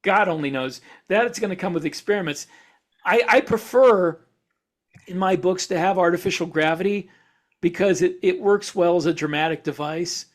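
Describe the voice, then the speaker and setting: His voice sits high and his pace is moderate. This man, a science fiction author and podcast co-host, talks shop casually, with meandering sentences he keeps revising midstream.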